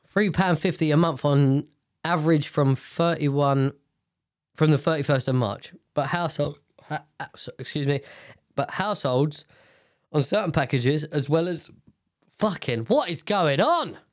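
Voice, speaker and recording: A British man hosts a casual, rambling news commentary, blunt and sweary, his voice nasal because a sinus infection has blocked his nose. He speaks on the high side and unhurried. The sound is studio quality with no room echo.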